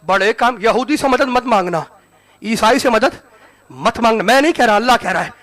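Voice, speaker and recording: A man preaching an impassioned sermon to a live gathering, repeating his phrases and swinging between loud shouts and hushed asides. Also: very high-pitched, animated. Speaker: religious orator. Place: mosque hall, live gathering.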